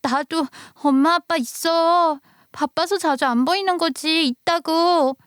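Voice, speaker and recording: A woman's voice: extremely high pitch, a little slow, fairly bright tone, dry recording, clean studio sound, pitched above the performer's own voice. A woman voicing a hurt, stubborn little girl who complains and pleads. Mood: whiny upset. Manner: whiny, upset, pleading.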